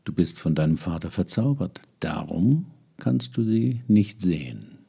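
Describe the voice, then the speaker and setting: A man voicing a sly magician in a tailcoat, speaking calmly and knowingly. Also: sits low, measured pace, gravelly, slightly rough, heavily acted.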